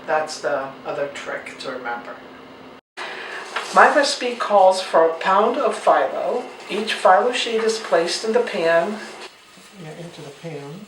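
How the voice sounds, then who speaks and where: A woman's voice: on the low side, very animated, unhurried, long pauses. Woman teaching cooking in a roomy kitchen. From Turkey. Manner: patient, explanatory, homely. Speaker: home cook. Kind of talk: cooking demonstration. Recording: roomy, distant mic, faint noise.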